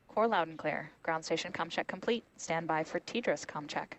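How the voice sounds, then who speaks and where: A woman's voice: low voice, moderate pace. A woman speaking as a mission control communicator, giving formal, clipped procedural radio calls.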